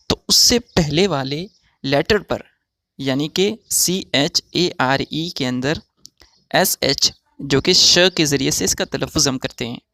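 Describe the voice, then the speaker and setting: A man teaching English pronunciation in a slow, methodical way, drawing out each example word. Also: fairly high pitch, creaky, fairly bright tone, dry recording, clean studio sound. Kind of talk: recorded pronunciation lesson.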